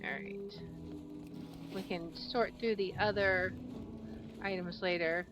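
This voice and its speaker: A woman's voice: mid-range voice, fairly even intonation, slow. A woman giving casual gameplay commentary and reading quest text aloud as she plays. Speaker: gamer, video host. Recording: game music behind voice.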